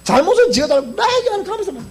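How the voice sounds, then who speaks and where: A male pastor with a Gyeongsang accent, preaching a sermon in an animated way and often quizzing the congregation. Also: very high-pitched, rapid-fire. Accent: Gyeongsang Korean. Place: church sanctuary.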